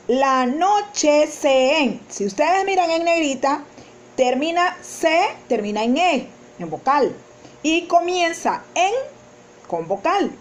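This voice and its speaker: A woman with a high voice gives a spoken lesson on poetic meter. She talks slowly and patiently, breaking example verses into syllables as she explains. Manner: slow, explanatory, syllabifies example lines aloud. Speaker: teacher.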